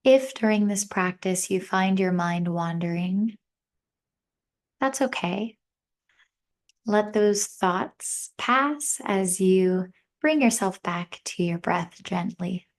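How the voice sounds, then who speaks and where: Speaking very slowly in a medium-pitched, mid-range voice, a female meditation instructor gently guides her listeners. Her instructions are short and measured, with long pauses between phrases.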